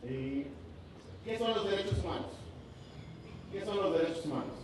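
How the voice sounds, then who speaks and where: A man's voice: high-pitched, animated, moderate pace. A Mexican man giving a talk at a university and joking with the audience. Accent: Mexican Spanish. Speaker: speaker. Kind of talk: conference talk. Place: university auditorium. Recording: very echoey hall, distant mic, background noise.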